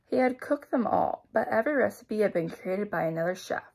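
A woman reading a children's picture book aloud, expressive and voicing sound effects. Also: medium pitch, brisk, gravelly, a little hiss or hum. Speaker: storybook reader. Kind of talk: children's read-aloud narration.

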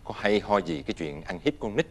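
An older actor playing a righteous, wealthy old gentleman who speaks with stern, dignified authority. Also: lowish voice, lively intonation, fairly quick. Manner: dignified, stern, lecturing, uses archaic "ta/ngươi".

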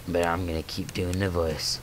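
A man with a slightly low voice talks through a video game as he plays it. He thinks aloud, breaking into nervous little exclamations. A faint hiss sits under the recording. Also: level tone, normal speed. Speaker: gaming channel host. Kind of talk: let's play commentary.

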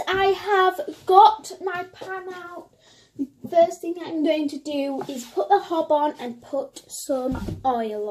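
A woman's voice: high voice, fairly bright tone. Chatty young northern English girl vlogging. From England. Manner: chatty, rambling, self-correcting. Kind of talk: casual cook-along vlog. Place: home kitchen, indoors. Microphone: phone camera held close.

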